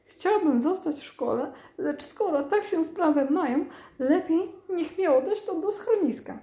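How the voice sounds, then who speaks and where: Brief: timid, tearful young tomcat, read by a woman, high and pleading, storybook. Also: expressive, measured pace, mellow, reverberant. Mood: plaintive. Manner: plaintive, pleading.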